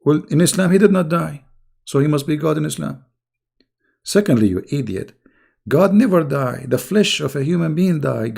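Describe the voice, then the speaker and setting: The man is an online religious commentator who taunts, insults and rambles through a casual, mocking monologue. His hoarse, gravelly voice is a little high and a little mellow, and he's on the verge of losing it.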